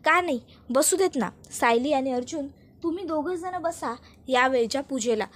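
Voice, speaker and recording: A woman voicing a stern, quick-tempered older family patriarch who lectures. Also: high-pitched, animated.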